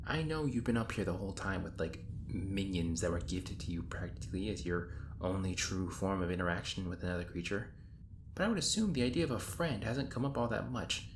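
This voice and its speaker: In an audio roleplay drama, a man voices an exasperated, sarcastic young hero trapped in time loops, rambling a little fast in a low voice with casual, modern phrasing, questioning and fed up, as if arguing with a familiar enemy. His conversational monologue is recorded with roomy echo over clear, designed background ambience.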